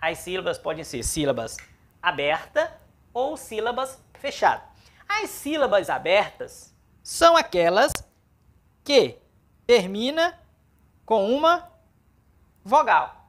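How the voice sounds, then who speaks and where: A woman with a Brazilian Portuguese accent leads a language lesson at an unhurried pace. She spells syllables out one by one and repeats each word several times so students can follow. Her pitch sits in a middle register. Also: sing-song. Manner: deliberate, repeats words aloud for practice. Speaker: Biblical Hebrew teacher. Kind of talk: classroom lesson.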